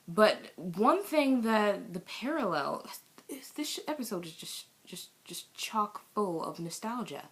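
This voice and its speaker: This is a young woman with a slightly low voice, talking casually in her bedroom about a cartoon she loves. She rambles, fills gaps with ums and gushes with excitement. She is picked up by a camera mic. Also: vocal fry. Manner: rambling, gushing, with many ums and bursts of excited shouting. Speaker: video reviewer. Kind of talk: casual vlog review.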